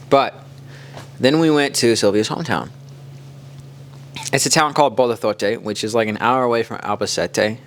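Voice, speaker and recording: With a medium-pitched voice at normal speed, this Kansas City–area podcast co-host rambles through casual stories, using "like" freely and pausing often. A slight hiss or hum sits in the background.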